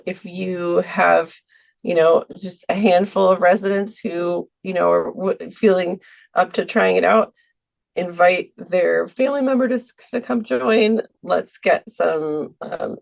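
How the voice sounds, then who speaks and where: A woman's voice: fairly low pitch, fairly even intonation, measured pace, creaky. A woman guest on a podcast, talking casually about teaching art, hesitating with many ums and small laughs. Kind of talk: casual interview talk. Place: Milwaukee, US.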